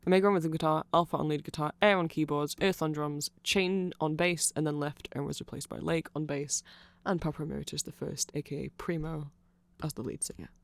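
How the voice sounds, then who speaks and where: A host with a mid-range voice and vocal fry explains band lore to the listener in a casual, rambling ASMR piece, speaking briskly in a steady tone with few pauses. Nerdy and chatty, they correct themselves often, like an enthusiastic fan, and the recording has no echo.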